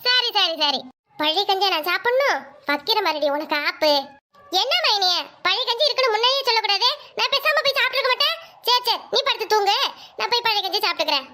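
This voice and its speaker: A woman's voice: very high voice, animated, fast talker, bright, forceful tone, full character voice. A woman voicing a wronged, scheming young sister-in-law in a cartoon comedy, complaining and wailing. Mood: grumbling.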